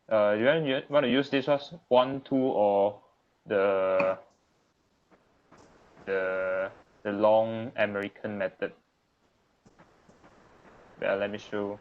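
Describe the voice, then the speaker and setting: A young man with a fairly low voice and a Malaysian accent, heard through dull, lo-fi call audio. He leads a casual group discussion tentatively, ending phrases with lah and ah. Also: slow pace, long pauses. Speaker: student discussion leader.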